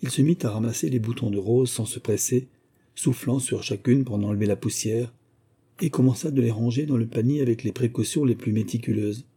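Dark, husky male audiobook narrator. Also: medium pitch, a little fast. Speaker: audiobook reader. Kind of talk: scripted narration of a novel.

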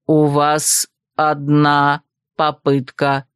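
Woman putting on an audiobook machine voice: low, slow, flat and announcing. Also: clean tone, dry recording, clean studio sound. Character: flat mechanical system voice of a magic book. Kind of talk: audiobook reading.

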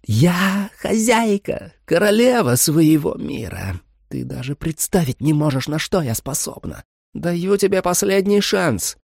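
Audiobook villainess: a cruel vampire mother, slow, sugary and threatening, put on by a man. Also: a little high, very animated, creaky, darkish tone, dry recording, studio quality, voice pushed up, exaggerated voice. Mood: crooning menace. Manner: slow, crooning, menacing.

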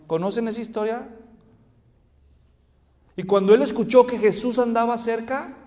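A male preacher giving a sermon with animated storytelling and questions to the congregation. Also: sits high. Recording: reverberant hall.

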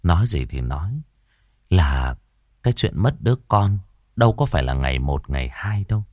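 A man narrating an audiobook story in an expressive, dramatic manner. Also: low-pitched, moderate pace, no echo, clean studio sound.

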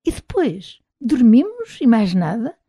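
A woman with a European Portuguese accent reading the lines of a pushy adult man who pleads softly, in an audiobook. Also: on the high side, huge pitch swings, a little slow, husky, no room sound, studio quality, pitched above the performer's own voice, exaggerated voice. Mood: coaxing. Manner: soft, wheedling pleas.

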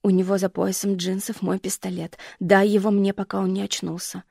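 Brief: woman reading a hoarse, blunt mother, husky, flat, loud and commanding, dry studio. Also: mid-range voice, a little fast, no room sound. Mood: urgent. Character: tough wounded middle-aged mother, blunt.

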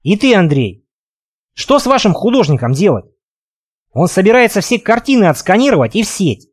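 A man's voice: high-pitched, sing-song, moderate pace, pitched above the performer's own voice. A man voicing an indignant, frightened young woman who accuses her companions in an audiobook. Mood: accusing.

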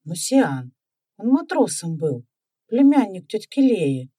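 A woman voicing an anxious young boy from the neighbourhood, speaking in a hurried, pleading way. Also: medium pitch, big pitch swings, dark tone, breathy edge, full character voice.

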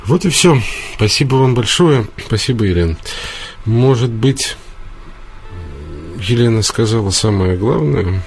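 A man hosting a radio call-in show, lecturing earnestly and emphatically, with hesitations. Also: fairly low pitch. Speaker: radio host, psychologist.

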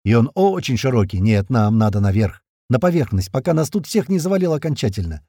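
A man's voice: mid-range voice, very animated, fast talker, dark tone, dry recording. A man narrating a first-person action audiobook in a terse, punchy, slangy manner.

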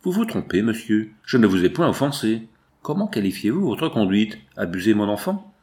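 A man's voice: lowish voice, sing-song, normal speed, mellow. A man reading the part of a wounded, reproachful father who confronts his daughter's suitor in an audiobook. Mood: indignant. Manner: reproachful, trembling with emotion. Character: stern wounded father, indignant.

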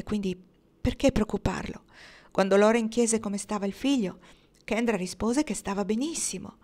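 A woman narrating a novel in a measured, expressive audiobook reading. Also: mid-range voice. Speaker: audiobook reader.

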